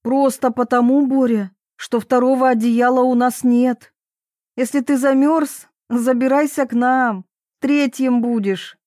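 A woman voicing a cheerful, unflappable middle-aged mother who chirps and coos in a high voice. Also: fairly even intonation, unhurried, a little mellow, dry recording, clean studio sound. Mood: chirpy. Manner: chirping, cooing, lightly lisping baby talk.

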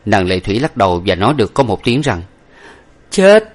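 Steady storyteller man. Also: fairly low pitch. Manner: steady, unhurried reading. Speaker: narrator. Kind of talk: storybook narration.

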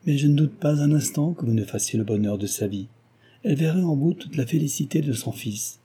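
A man's voice: on the high side, lively intonation, fairly quick, dark tone, breathy edge, pitched above the performer's own voice. A man voicing an ardent, passionate young suitor in an audiobook, pleading with energy. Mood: impassioned. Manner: impassioned, pleading.

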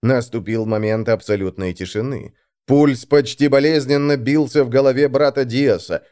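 A man narrating an audiobook in a dramatic, expressive reading. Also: mid-range voice, normal speed. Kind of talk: scripted narration.

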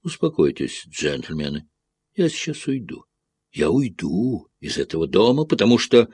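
A man voicing a frightened foreign traveller who insists, in a shrill, repeating voice, that he will be killed. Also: sing-song, moderate pace, a little mellow, breathy edge, dry recording, heavily acted. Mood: hysterical.

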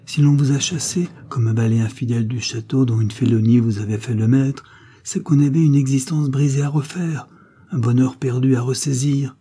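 A man's voice: medium pitch, steady tone, moderate pace, dark tone, husky, lightly acted. A man voicing a scheming, cruel Creole woman with a sugary, coaxing delivery in a read-aloud novel.

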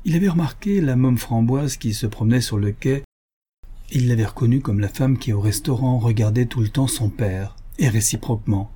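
Casting note: male audiobook reader, mellow and husky, even literary narration, small lifts in pitch for dialogue. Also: a little fast.

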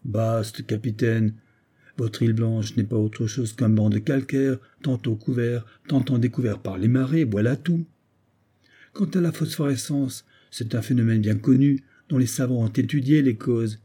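Man reading a dismissive skeptic passenger, audiobook tale, deep husky tone. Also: measured pace, dark tone, natural voice. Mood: skeptical. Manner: dismissive, matter-of-fact. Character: skeptical male passenger, brisk and rational. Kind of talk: scripted narration of a classic story.

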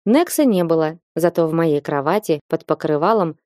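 A woman narrating an audiobook in a lively way and acting out the characters. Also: low-pitched, moderate pace, no room sound, clean studio sound. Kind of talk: audiobook reading.

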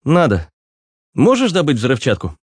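A man's voice: mid-range voice, huge pitch swings, measured pace, slightly rough, no echo, voice pushed up, full character voice. A male narrator voicing a tired, sarcastic young man with a dry, sardonic way of speaking. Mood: wry. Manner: dry, sardonic, swears casually. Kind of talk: audiobook character voice.

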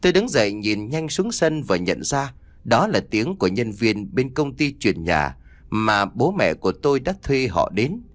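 A man narrating a first-person story as an audiobook, with an expressive storytelling manner. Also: medium pitch, a little slow, dry recording.

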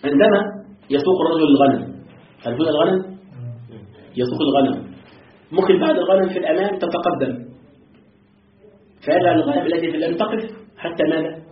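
Sheikh teaching fast, keeps quizzing the class, tinny echoey far-off recording. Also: male voice, a little high, lively intonation. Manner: asks students rhetorical questions, chants verses. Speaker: sheikh teaching Quran commentary. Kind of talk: religious lesson with recitation. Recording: echoey, distant, phone-like lo-fi.

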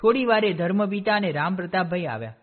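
A man reads a devotional storybook aloud in a steady, clear voice. His voice sits high for a man. The sound is narrow and tinny, like a phone line. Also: fast talker. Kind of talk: storybook narration.

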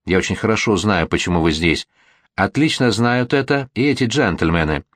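A jealous old gentleman blusters and threatens in a fury, as a man reading an audiobook voices him. The voice sits low. The recording is dry and close. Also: animated, moderate pace, no echo. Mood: furious.

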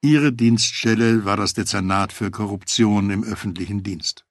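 A man narrating a first-person memoir audiobook in a measured, matter-of-fact way. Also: lowish voice, no echo, clean studio sound.

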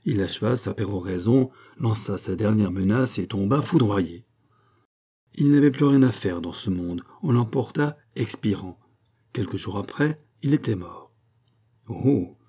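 Narrateur de livre audio, voix basse un peu voilée, ton théâtral mesuré. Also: male voice, animated, mellow, breathy edge. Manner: measured, dramatic reading. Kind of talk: scripted narration.

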